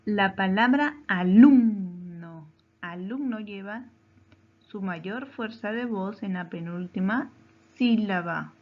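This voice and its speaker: Slow, patient woman teacher. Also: medium pitch, muffled recording. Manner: slow, careful, questioning delivery with deliberate pauses. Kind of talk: remote grammar lesson for children.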